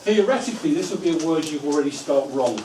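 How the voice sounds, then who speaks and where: A man's voice: fairly high pitch, animated, fast. Man leading a teacher workshop, echoey room. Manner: instructive, stretches words syllable by syllable. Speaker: teacher trainer. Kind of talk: training workshop talk. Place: school room with a live audience. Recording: echoey room from far off, noisy.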